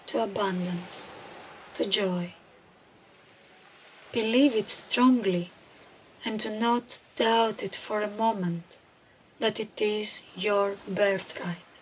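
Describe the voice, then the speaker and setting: A woman narrates a guided meditation in a steady, mid-range voice, taking her time with gentle, deliberate phrasing and pauses. There's clearly noisy ambient background sound in the recording.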